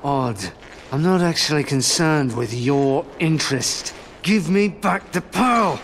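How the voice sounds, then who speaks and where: An actor playing a wily, cocky pirate captain in a video game, wry, flippant and theatrical. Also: male voice, a little high, slow, a little hiss or hum. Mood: indignant, wry. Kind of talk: video game cutscene acting.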